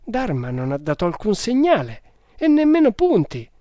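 A man's voice: high-pitched, wildly swooping pitch, moderate pace, mellow, no room sound, muffled recording, pitched above the performer's own voice. A man voicing a startled servant who disbelieves the news, in a storybook reading.

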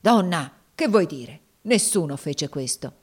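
A brutal male master blusters and curses, fear showing under the bluster, as a woman reader plays him. The lines come out loud and forceful. It is a dramatic audiobook reading. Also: deep voice, lively intonation, measured pace, slightly rough, heavily acted. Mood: blustering, uneasy. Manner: blustering, cursing.

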